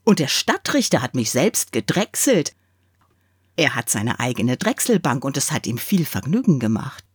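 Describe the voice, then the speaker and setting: A woman reading a fairy tale aloud and voicing a proud mahogany spinning top who boasts and woos in a slightly lower voice. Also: big pitch swings, normal speed, husky, dry recording, clean studio sound, exaggerated voice. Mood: boastful.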